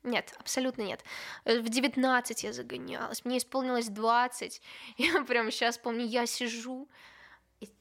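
A woman in her twenties, a podcast guest, talking in a relaxed, candid way and laughing easily. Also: a little high, normal speed, gravelly. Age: 20s. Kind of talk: casual podcast chat.

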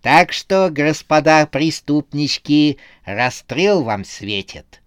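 A man's voice: mid-range voice, expressive, unhurried, no echo, studio quality, lightly acted. A man voicing a brash female squirrel who plays detective in a comic horror audiobook, bossy and theatrical, jumping to accusations.

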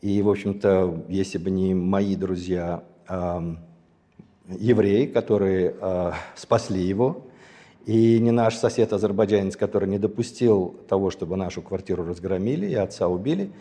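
A man in his sixties from Azerbaijan, a guest telling his life story in a measured, thoughtful way and pausing to find his words. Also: low voice, mellow. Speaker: interview guest. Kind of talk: reflective personal storytelling. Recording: long hall reverb.

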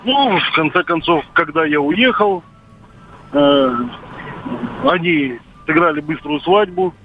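A man in his fifties calling into a radio show over a landline phone, telling his story haltingly with many pauses and filler sounds. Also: on the high side. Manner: hesitant, filled with "uh" pauses and hedging phrases. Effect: heard over a landline phone. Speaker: caller. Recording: tinny phone line, faint noise.

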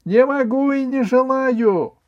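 A man reading a storybook, voicing a lazy, dramatic schoolboy in a high, whiny voice. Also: very animated, a little slow, no room sound, highs cut off. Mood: stubborn. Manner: whiny, high-pitched, theatrical wailing.

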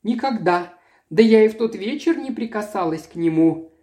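A gentle, earnest young woman answering her accusers, as a male audiobook narrator puts her on. The voice sits well above his own and stays plain and pleading. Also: sits high, expressive, normal speed, voice pushed up.

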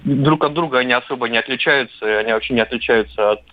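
A man's voice: mid-range voice, quick pace, slight background noise. A man talking casually as a radio interview guest, a correspondent who hesitates and stammers with a wry touch over a remote call. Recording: dull, band-limited remote radio link.

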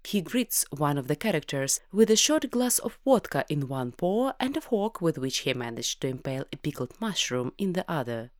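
Low-voiced woman podcast co-host. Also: sing-song, moderate pace, hardly any pauses, no room sound, clean studio sound. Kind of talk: scripted podcast narration.

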